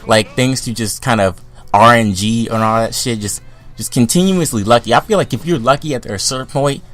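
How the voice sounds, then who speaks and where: Young male vlogger, animated, heated rant with big swings in loudness, mid pitch. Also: brisk, faint music behind. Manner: animated, heated, swings between loud outbursts and low mutters, filler-heavy. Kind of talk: profane comedic rant.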